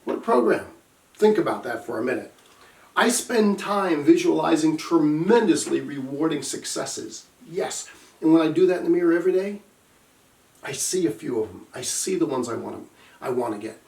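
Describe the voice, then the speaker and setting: A man's voice: a little high, very animated, fairly quick, creaky, a little mellow. A middle-aged man, a recovery coach, talking earnestly and emphatically to camera and telling stories from his own life. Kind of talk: casual talk to camera. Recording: echoey room, mic at a distance.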